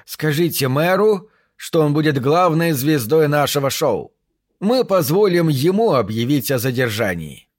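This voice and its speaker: A man's voice: fairly high pitch, sing-song, measured pace, pitched above the performer's own voice. A man reading an audiobook, voicing a pompous, self-satisfied police captain who talks grandly and gives orders. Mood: pleased. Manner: grandiose, theatrical, commanding.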